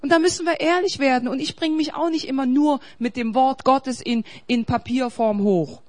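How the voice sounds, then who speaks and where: A woman pastor preaching a sermon, swinging between loud, urgent exhortation and quiet, confiding storytelling. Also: sits high, moderate pace.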